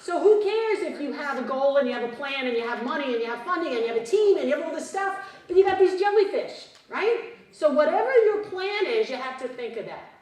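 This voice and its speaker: A woman in her fifties delivers a motivational keynote at a conference, animated and constantly prompting the crowd with questions. Her voice is high and brisk, picked up by a distant mic in a roomy hall.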